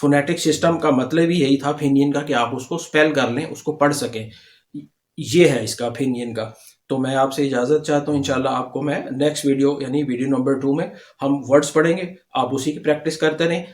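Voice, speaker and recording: A man's voice: medium pitch, darkish tone. A man, patiently explaining a language lesson step by step over slides. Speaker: language teacher. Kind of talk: slide-based video lesson.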